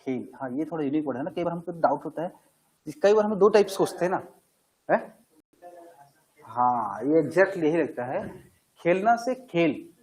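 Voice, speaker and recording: A man's voice: fairly high pitch, animated, normal speed, long pauses, a little mellow, slightly rough, low-quality recording. A man teaching a grammar class, talking conversationally and answering his own questions. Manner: conversational, asks questions and answers them himself.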